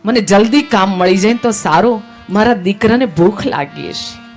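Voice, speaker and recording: A loyal, selfless queen speaks with quiet resolve, as a woman storyteller gives her the lines. The delivery is earnest and plain, and soft instrumental music lingers behind. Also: medium pitch, normal speed, close to an everyday voice. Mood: resolute.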